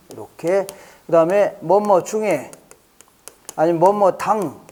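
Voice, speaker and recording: A man's voice: high-pitched, mellow. A man teaching a live class to exam students. He repeats key phrases, keeps checking that everyone is following, and jokes lightly with the students. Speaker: exam prep lecturer. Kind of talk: classroom lecture.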